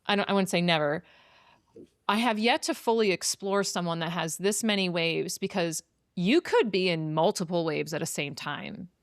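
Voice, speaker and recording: A woman's voice: medium pitch, clear, resonant tone, no echo, studio quality. A woman hosting a podcast, explaining ideas in a chatty way with many fillers. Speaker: podcast host. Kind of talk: casual conversation.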